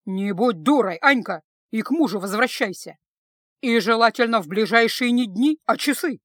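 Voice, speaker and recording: A woman reading the part of a domineering middle-aged mother who scolds her daughter loudly and reproachfully. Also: on the high side, lively intonation, normal speed, dry recording, studio quality. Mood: indignant. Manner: loud, lecturing, reproachful.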